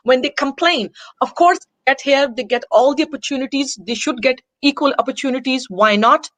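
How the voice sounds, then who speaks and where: Earnest woman with a high, dry voice. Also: normal speed, a bit bright, dry recording. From Denmark. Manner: earnest, repeats words when pressing a point. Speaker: interview guest. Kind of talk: conversational interview.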